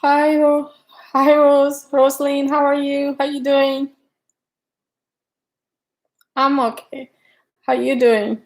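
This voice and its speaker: Middle-aged woman, livestream host, unhurried and halting, greets viewers one by one, slightly high voice. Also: flat delivery, rough recording. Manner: greets viewers by name, talks haltingly with restarts. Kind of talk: casual livestream chat.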